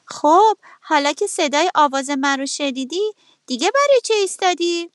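A sharp-witted storybook rooster with a very high, bright voice and quick comebacks, as a woman puts him on. The recording is dry and close. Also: lively intonation, dry recording. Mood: clever wary.

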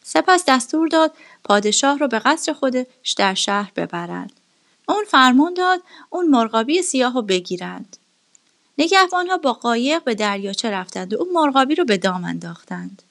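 A woman narrating a fairy tale in a gentle storytelling voice that often drops to a whisper. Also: sits high, very animated, creaky.

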